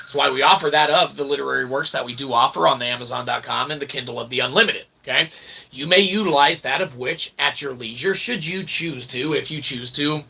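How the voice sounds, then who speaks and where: A man, an independent author and developer, hosts his own channel and delivers a rambling philosophical monologue full of wordy, mock-formal, archaic phrasing, forever checking in with "okay?". His medium-pitched voice is brisk, bright, forceful, slightly rough and full of vocal fry. The recording quality is low.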